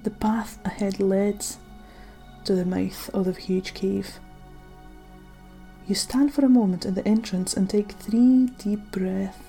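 A woman narrating a guided meditation in the manner of a sleep story, gentle, soothing and unhurried, with soft breathy phrase endings. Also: medium pitch, steady tone. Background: music.

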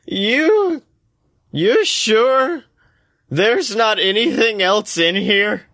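A man's voice: sits high, very animated, unhurried, no echo, studio quality, voice pushed up. A man voicing a cocky male god who is getting drunk, slurring and stammering his words. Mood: drunk, uneasy.

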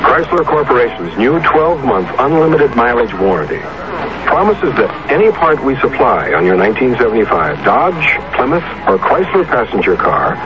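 Male actor as assured American car spokesman, lively melodic delivery, scripted vintage radio ad, muffled sound. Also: medium pitch, moderate pace, lightly acted. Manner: crisp, unruffled, concise answers. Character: confident, matter-of-fact male car company spokesman. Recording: noisy, muffled 1970s radio advert.

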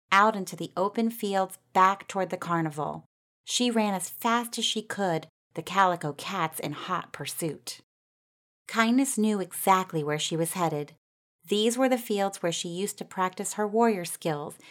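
A woman narrating a children's storybook in a steady, expressive reading voice. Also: fairly low pitch.

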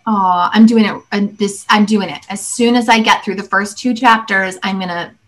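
A woman's voice: mid-range voice, steady tone, moderate pace, fairly bright tone. A woman podcast host chatting with her guest over a video call, effusive and gushing with praise. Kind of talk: casual interview chat.

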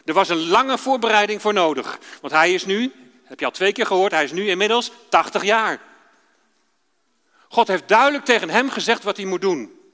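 A man's voice: high-pitched, lively intonation, normal speed. A man preaching a children's sermon in a church, telling a bible story and speaking straight to the children in a storytelling way. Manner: warm storytelling, addressing children directly. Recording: long church reverb.

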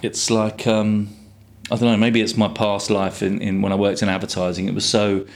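Low-voiced Englishman in his fifties. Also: monotone, normal speed. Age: 50s. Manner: rambling storyteller, swears freely. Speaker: guest artist. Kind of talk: casual chat.

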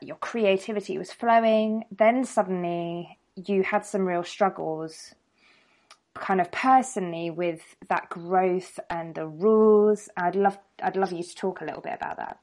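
A woman hosting a podcast, chatty and friendly in a relaxed interview. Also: on the low side, a little slow. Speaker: podcast host.

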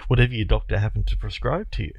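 Man in his 30s, co-host, low gravelly voice, dry close sound, chatty storyteller. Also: animated, rapid-fire, no echo, lo-fi sound. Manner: chatty storyteller, laughs at himself. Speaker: podcast co-host. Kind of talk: casual chat.

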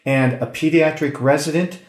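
A man's voice: fairly high pitch, steady tone, normal speed, echoey room. A man from the United States hosting a show, asking friendly, inquisitive interview questions. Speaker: radio host.

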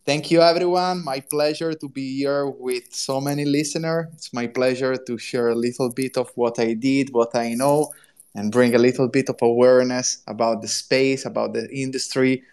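An Italian crypto consultant in his thirties, guesting on a live audio room show, enthusiastically explains his work step by step in non-native English with an Italian accent. His voice is medium-pitched, darkish, clear, and resonant, with a steady tone at a moderate pace.

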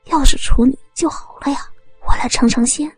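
女声演的急躁兴奋的男混混. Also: female voice, high-pitched, moderate pace, no echo, soft background music, natural voice. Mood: eager. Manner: excited, coarse, half-whispered. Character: eager crude male thug, excitable.

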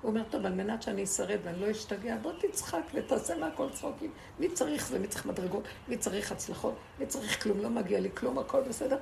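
A woman's voice: a little high, lively intonation, creaky, hardly any pauses, noisy background. A woman giving an impassioned spiritual lesson to a group, asking rhetorical questions and repeating words for emphasis. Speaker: Torah teacher.

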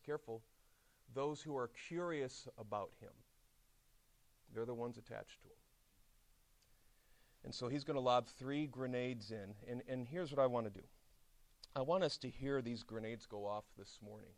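A middle-aged man preaching a chapel sermon, telling stories with lively asides. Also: mid-range voice, gravelly. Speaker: pastor. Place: seminary chapel.

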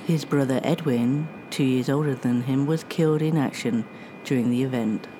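A woman presenting a radio history show, reading a scripted narration in a measured way that slows down on dramatic lines. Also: a bass voice, warm tone, slight background noise.

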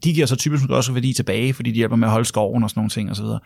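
A man with a gravelly, creaky voice hosts a casual podcast discussion and reasons his way through ideas out loud. He often repeats words as he searches for a phrase and ends his points with a quick questioning "right?". The recording is close and dry. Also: medium pitch, dry recording. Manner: thinks aloud, repeats words, tags lines with a questioning 'right?'. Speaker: podcast host.

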